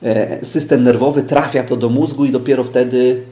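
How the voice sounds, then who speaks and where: Male expert guest, patient explainer with relaxed, mellow delivery; roomy recording. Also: medium pitch, moderate pace. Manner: explains patiently with everyday examples, many hesitations. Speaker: speed-reading teacher. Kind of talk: explanatory interview talk.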